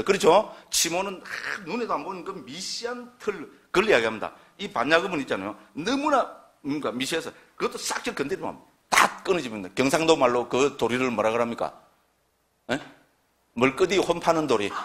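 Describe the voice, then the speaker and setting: Gyeongsang-accented man lecturing, pitched a bit high. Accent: Gyeongsang Korean. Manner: keeps asking the class for agreement, lively and conversational. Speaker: Buddhist scripture lecturer. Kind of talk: classroom lecture on early Buddhist texts.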